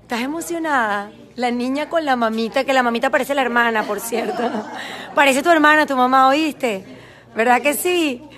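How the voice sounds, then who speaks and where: Holding her phone at a busy indoor store event, a woman gushes to her followers in a casual Instagram story, promoting the event. Her voice sits high and is a bit bright, at a moderate pace, while a crowd chatters in the background of the phone recording.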